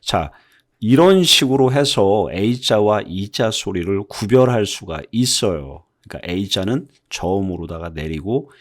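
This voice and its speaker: A man's voice: on the low side, animated, takes it slowly. A man whose first language is Korean, teaching English phonics in a video lesson, patiently explaining and repeating example words to demonstrate the vowel sounds.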